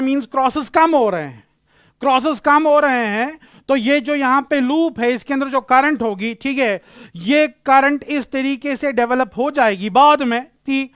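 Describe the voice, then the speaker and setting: A man's voice: very high-pitched, a bit bright, clear, resonant tone, dry recording, clean studio sound. A male physics teacher giving a classroom lecture, explaining patiently, repeating key phrases and using terms.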